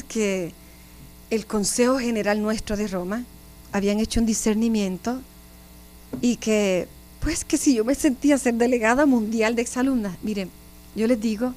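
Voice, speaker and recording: Warm-voiced Puerto Rican nun. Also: female voice, fairly high pitch. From Puerto Rico. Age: 50s. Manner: animated storyteller, often addresses listeners directly. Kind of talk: personal testimony in an interview.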